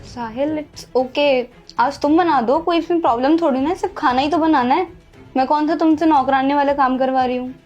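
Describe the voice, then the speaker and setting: A woman's voice: sits high, a little fast, a little mellow, lo-fi sound, soft background music, close to an everyday voice. A young woman acting a selfish, dismissive wife who left her husband, pleading with her boyfriend in a dramatic short film. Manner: dismissive, pleading, mixes English phrases. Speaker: actress playing Rubika, an unfaithful wife.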